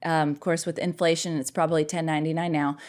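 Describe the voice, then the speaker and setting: A middle-aged woman with a somewhat low voice co-hosting a podcast. She chats casually with her husband, wanders into rambling asides and laughs easily. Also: little pitch movement, quick pace, darkish tone. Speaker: podcast co-host.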